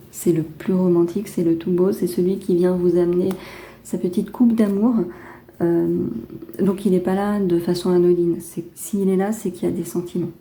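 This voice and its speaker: A French woman giving a casual tarot reading, chatty and gentle, with many fillers and restarts. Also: mid-range voice. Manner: gentle, reassuring advice. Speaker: tarot card reader.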